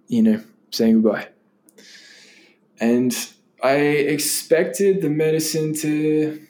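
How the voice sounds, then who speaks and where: A man's voice: medium pitch, darkish tone. A man as an interview guest, telling a personal story in a loose, rambling way full of "like" and "um". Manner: loose and rambling, many "like" and "um" fillers.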